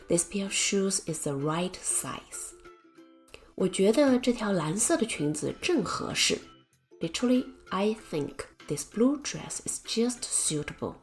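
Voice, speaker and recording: A woman teacher giving a scripted language lesson, speaking slowly and carefully and explaining with example sentences. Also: medium pitch. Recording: faint music behind the voice.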